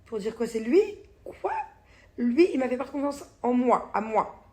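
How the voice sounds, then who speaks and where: A woman's voice: a little high, unhurried, a little mellow. A woman in her thirties chatting casually to her followers in a vlog, blunt and chatty, swearing and laughing often. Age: 30s. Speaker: vlogger.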